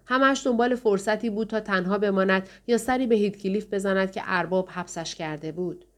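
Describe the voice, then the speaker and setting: A woman narrating an audiobook in steady storytelling fashion, voicing the characters in turn. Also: medium pitch. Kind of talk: scripted narration.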